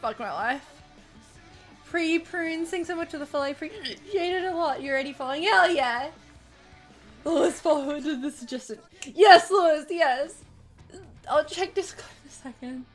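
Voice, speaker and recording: High-pitched woman streamer with hiccups. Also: moderate pace, soft background music. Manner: hiccupping while talking; effusive, giggly, swears freely. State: hiccups, short of breath. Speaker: livestreamer. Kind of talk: casual livestream chat with viewers.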